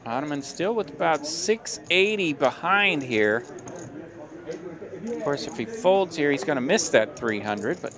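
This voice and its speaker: A man calling poker hands play by play on a live stream, quick and upbeat. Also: a little high, animated, crowd noise. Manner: quick, upbeat hand-by-hand calls.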